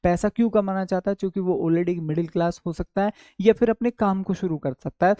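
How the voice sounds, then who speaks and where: Male tutor for an online exam-prep class, warm mellow tone, dry close sound, answers his own questions and stretches key words slowly. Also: sits high, smooth, no room sound. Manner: asks questions and answers them himself, drawing out key words; repeats words slowly for memory. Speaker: English vocabulary teacher.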